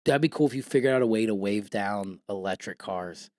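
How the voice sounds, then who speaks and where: A man's voice: on the low side, fairly quick, darkish tone, no echo, studio quality. A man co-hosting a casual comedy podcast, joking and acting out quotes in goofy voices. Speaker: podcast co-host.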